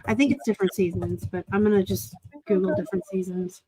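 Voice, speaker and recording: A woman with vocal fry and a shrill edge to her voice, talking casually on a live chat. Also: fast, no room sound, low-quality recording. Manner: excitable, panting into the mic.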